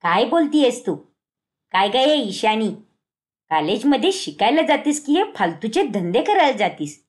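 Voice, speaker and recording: A woman's voice: fairly high pitch, big pitch swings, moderate pace. A woman voicing a stern middle-aged mother-in-law who scolds and commands. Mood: scolding.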